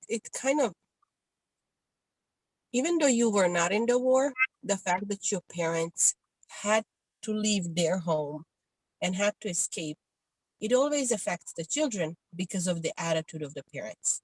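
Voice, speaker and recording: A woman's voice: mid-range voice, expressive, measured pace, long pauses, darkish tone, no echo, low-quality recording. Chatty woman co-host, dry sound. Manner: candid, chatty, with frequent "like". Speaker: podcast co-host. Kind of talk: casual conversation.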